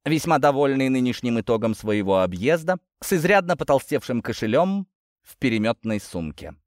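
A man narrating an audiobook in an expressive storytelling read. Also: medium pitch, normal speed, no echo, studio quality. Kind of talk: scripted narration.

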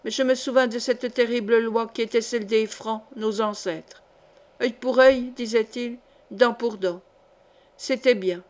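A woman's voice: a little high, fairly even intonation, measured pace, a little mellow, lightly acted. A woman reading the part of an embittered, vengeful middle-aged nobleman in an audiobook, grave and brooding. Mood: anguished.

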